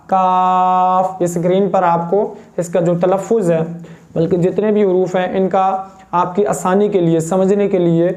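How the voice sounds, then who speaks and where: A man teaching Quran pronunciation, patiently demonstrating each letter sound slowly. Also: high-pitched, warm tone. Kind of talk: step-by-step pronunciation lesson.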